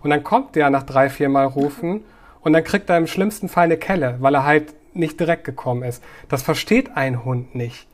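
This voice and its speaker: A man's voice: fairly high pitch, normal speed. A man, a dog trainer and podcast guest, explaining his views thoughtfully at length, with fillers and restarts. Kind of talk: conversational podcast interview.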